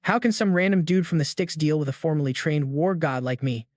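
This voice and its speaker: A man's voice: fairly high pitch, fairly quick, no echo, clean studio sound, natural voice. A man voicing an arrogant young male war god fighter in a recap story, smug and taunting. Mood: shaken.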